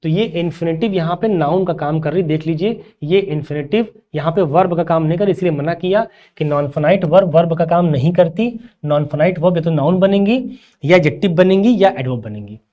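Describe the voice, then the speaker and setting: High-voiced man teaching a grammar lesson. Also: a little fast, dull audio. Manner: asks rhetorical questions and answers them himself; calls students "beta". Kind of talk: classroom grammar lecture.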